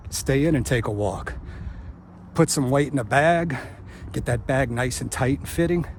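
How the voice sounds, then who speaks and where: A man's voice: medium pitch, normal speed. A man in his fifties talking casually to camera during outdoor exercise, out of breath and speaking with a missing front tooth. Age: 50s. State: winded, out of breath. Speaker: fitness vlogger. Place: outdoors on a walking route. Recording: outdoor noise, passing vehicle sounds.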